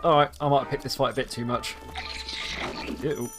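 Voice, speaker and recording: A man streaming a game live, chatting and laughing often with sudden excited outbursts. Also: medium pitch, normal speed, music in the background. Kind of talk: live gameplay commentary.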